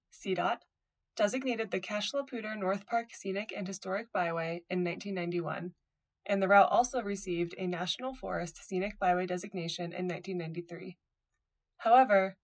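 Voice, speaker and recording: Female narrator, slightly low register, for scripted informational read of a written article. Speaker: narrator reading a blog article aloud.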